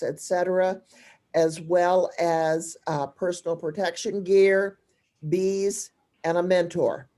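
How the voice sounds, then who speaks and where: A woman's voice: fairly low pitch, mellow. A woman giving an informal announcement as a member at a club meeting.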